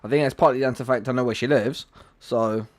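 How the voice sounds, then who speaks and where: A man's voice: mid-range voice, steady tone, fast, no echo. A man hosting a gaming livestream, chatting casually and jokingly with his viewers. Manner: chatty, joking, talks to chat by name. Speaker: livestream host.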